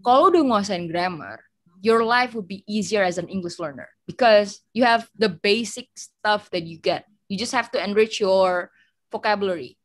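A woman's voice: mid-range voice, moderate pace. A young woman tutoring English in a casual online session, switching between two languages and explaining with everyday examples over a video call. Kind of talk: online training session, mixing Indonesian and English.

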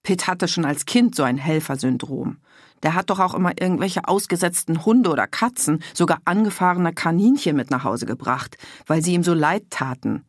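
A woman's voice: on the low side, moderate pace, no echo, clean studio sound, close to an everyday voice. Woman doing an outraged, gossipy middle-aged mother. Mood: grumbling. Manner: agitated, voice cracking with outrage.

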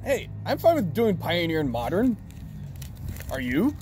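A man's voice: sits high, huge pitch swings, measured pace, darkish tone, slight background noise. A man in casual chat, playfully reading card names aloud.

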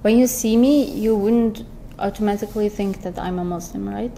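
A young woman in her twenties from Turkey and the Netherlands, chatting casually as a guest, lively and acting out what others say. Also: normal speed, vocal fry, slight background noise. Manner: animated, acts out quotes in a higher voice. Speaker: guest answering questions. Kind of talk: casual chat. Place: large lecture hall, indoors. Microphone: camera in front, seated at a desk.

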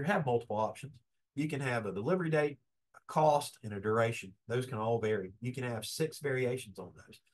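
A middle-aged man giving a lively business workshop lecture in a folksy way, acting out bits of quoted dialogue. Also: medium pitch.

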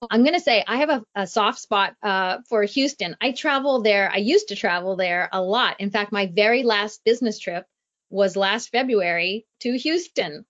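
A woman from Ohio talks as a guest author, speaking in a measured, friendly way. Her pitch is mid-range. The audio is a bit dull. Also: fairly bright tone. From Columbus, Ohio. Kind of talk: interview conversation.

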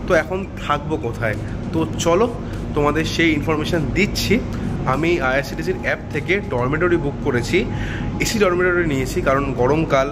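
A man's voice: on the high side, fairly quick, over loud music. A man from Kolkata with a Bengali accent, chatting casually to viewers in a travel vlog aboard a train. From Kolkata, India. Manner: chatty, addresses viewers directly. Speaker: travel vlogger.

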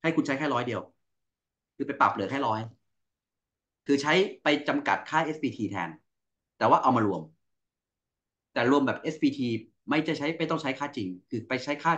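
A man's voice: mid-range voice, brisk, long pauses, a bit bright. Man explaining engineering in muffled audio. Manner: explains at length, with many fillers and restarts. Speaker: engineering expert answering questions. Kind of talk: technical Q&A explanation.

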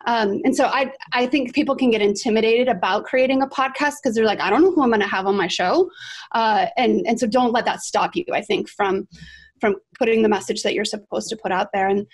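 Woman, upbeat chatty guest on a video call, slightly high voice. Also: a little fast. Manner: chatty, enthusiastic, many "like" and "right?". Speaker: guest podcaster. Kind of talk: casual video-call discussion.

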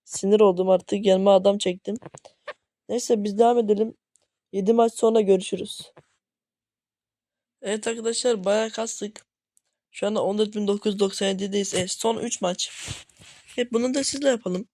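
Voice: medium pitch, steady tone, normal speed, long pauses, warm tone, no room sound. Frustrated gaming commentator, grumbling at teammates. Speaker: gaming channel host. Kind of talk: gameplay commentary. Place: at home.

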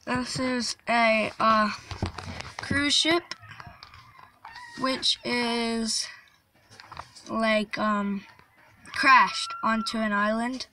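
Now her voice sounds on the high side, bright and forceful, steady yet extremely slow with many pauses, as the young girl keeps touring her Minecraft map with hesitant, like-and-um-filled commentary. The phone screen recording has poor audio and slight background noise.

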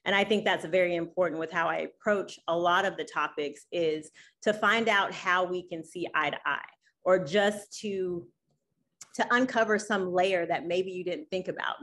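Thoughtful woman panelist, low voice. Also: a bit bright. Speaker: panelist, newspaper columnist. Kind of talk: answering on a virtual panel. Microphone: video call.

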